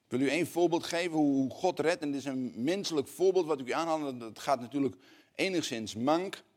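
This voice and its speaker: A man preaching a sermon, moving between quiet, slow, earnest passages and loud, rising appeals to the congregation. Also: a little high.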